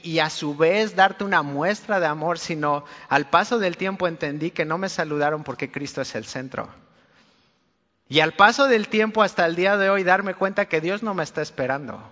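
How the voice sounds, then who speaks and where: A man's voice: high voice, bright, forceful tone. A man preaching a conversational sermon, earnest and colloquial, speaking straight to his listeners in a church hall. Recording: long reverb, dull lo-fi sound.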